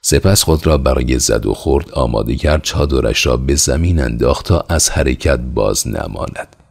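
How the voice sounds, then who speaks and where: A man narrating an audiobook in a steady, measured way. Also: very deep voice, gravelly, breathy edge.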